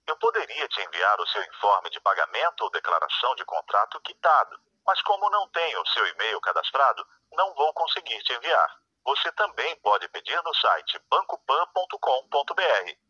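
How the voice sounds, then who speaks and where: Casting: Brazilian man as bank phone-line customer service voice, polite and informal, slightly husky, animated, telephone sound. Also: mid-range voice, normal speed, dry recording. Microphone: recorded prompts heard over a phone call. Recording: dull telephone-line recording.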